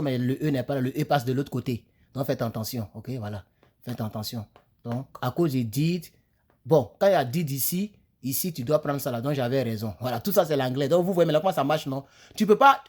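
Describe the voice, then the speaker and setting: A French-speaking man giving a casual English lesson on a phone camera. He rambles and repeats himself, leans on "voilà" and "ok", and slows right down to spell out English phrases. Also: medium pitch, a little mellow. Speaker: English teacher. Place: home, filming on a phone in front of him. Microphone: phone camera close in front.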